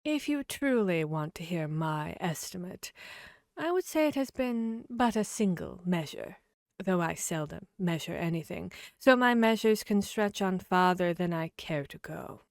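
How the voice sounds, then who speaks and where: A woman's voice: lowish voice, animated, dry recording, studio quality. A woman voicing a grinning, fickle cat from Wonderland, playful and riddling, in an ASMR fantasy roleplay. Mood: teasing, musing. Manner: slow, playful, riddling drawl. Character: grinning Cheshire cat, teasing, fickle, mad Wonderland creature.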